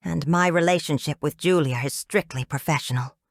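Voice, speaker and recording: A woman voicing a calm, steady husband and father in an audiobook. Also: sits low, a little fast, dry recording, studio quality. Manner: calm, firm. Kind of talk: audiobook character voice.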